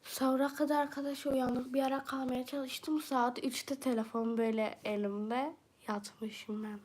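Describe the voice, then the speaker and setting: A woman with a southeastern Turkish accent talks casually on a livestream, reading viewer comments and answering them bluntly. Her voice sits a little high. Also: little pitch movement, measured pace, darkish tone. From southeastern Turkey.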